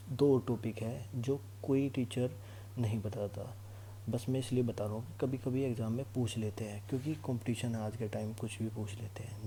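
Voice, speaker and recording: This physics teacher for exam students has a dark, mid-range voice and is captured on a low-quality recording with noticeable background hum. In a relaxed lesson, he teaches methodically and often pauses to make sure the class understands.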